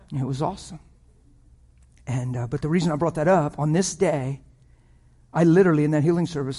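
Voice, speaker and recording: A man in his fifties, a pastor, tells stories in a sermon with lots of animation and frequent laughter, dropping to a hush and rising to a shout. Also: fairly high pitch. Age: 50s. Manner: animated, laughs often, swings from hushed to shouting. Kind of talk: sermon storytelling.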